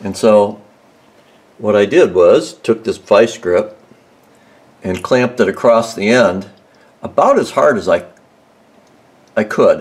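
A man with a fairly low voice talks through a garage repair job in a relaxed, meandering way. He pauses with ums and restarts his sentences, like someone thinking aloud as he works. The sound comes from a handheld phone held close, under a car. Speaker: home mechanic host. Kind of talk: casual how-to demonstration.

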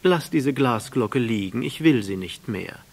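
A man's voice: expressive, a little slow, gravelly. A man voicing a proud, tender flower. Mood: tender pleading. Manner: pleading, high and emphatic. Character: proud delicate female flower, vain but tender. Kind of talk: audiobook reading.

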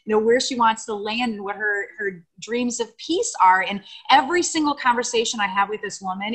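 Give me an American woman giving a heartfelt, emotional tribute over a video call, warm and rambling. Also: mid-range voice, low-quality recording. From United States. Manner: gushing, emotional, rambling with fillers. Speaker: guest speaker on video call.

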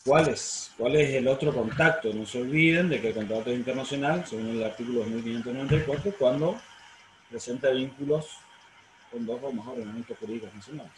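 Profesor argentino de mediana edad, clase por videollamada, algo de ruido de fondo. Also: male voice, mid-range voice, brisk. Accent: Argentine Spanish. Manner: explanatory, frequent fillers and self-corrections. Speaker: law professor. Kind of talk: online university lecture. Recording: roomy sound, faint noise.

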